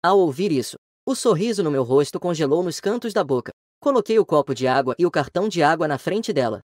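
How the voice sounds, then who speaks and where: A man's voice: a little high, expressive, a little fast, a little mellow, dry recording, studio quality. A man reading a romance comic story aloud in the first person, as scripted narration.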